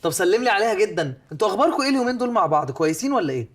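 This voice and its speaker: An actor playing a sulking young husband with an Egyptian accent, passive-aggressive in a comedy series. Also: male voice, high voice, big pitch swings, rapid-fire, fairly bright tone. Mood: sulky. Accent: Egyptian Arabic.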